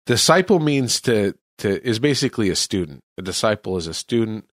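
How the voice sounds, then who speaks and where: A man's voice: lowish voice, sing-song, brisk, dry recording, clean studio sound. A man from California, a missionary, talking earnestly about faith in an interview. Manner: earnest, preacherly.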